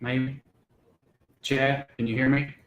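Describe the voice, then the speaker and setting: A man's voice: mid-range voice, flat delivery, slow, muffled recording. A man co-hosting a casual livestream chat in a loose, rambling way, his audio breaking up and distorting over a bad online call connection. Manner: loose and rambling, many ums. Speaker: show co-host.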